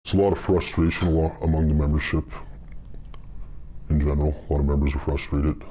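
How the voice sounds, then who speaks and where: An anonymous male police officer and training instructor, speaking in an interview through a disguised, very deep voice, halting and earnest with fillers. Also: fairly even intonation, warm tone, slight background noise. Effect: voice disguised, pitched very deep.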